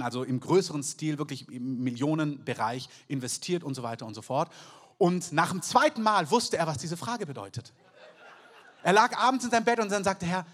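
A man preaching a sermon, telling stories and acting out the voices in them. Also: a little high. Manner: lively storytelling, acting out quoted voices.

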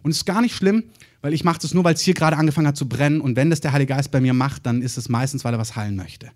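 A preacher delivers a charismatic sermon, emphatic yet conversational, his medium-pitched voice racing along with a darkish tone. He's picked up by a distant mic in an echoey hall, with faint room noise underneath.

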